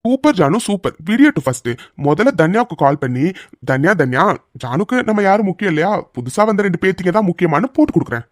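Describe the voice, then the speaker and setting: A performer voicing a playful young grandson and husband in an animated serial, teasing in a mock-sulking way. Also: mid-range voice, fast, no echo, clean studio sound, voice pushed down, lightly acted.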